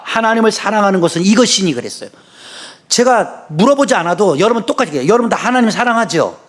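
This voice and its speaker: A middle-aged man preaching a sermon as senior pastor, swinging between fervent shouts and low, conversational asides.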